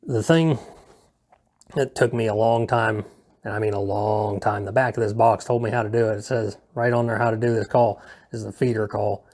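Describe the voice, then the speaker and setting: At a moderate pace, a man with a fairly low, steady, darkish voice walks through a hobby how-to for a video, recorded inside his home. He's relaxed and off the cuff, wandering as he talks, hesitating and poking fun at himself.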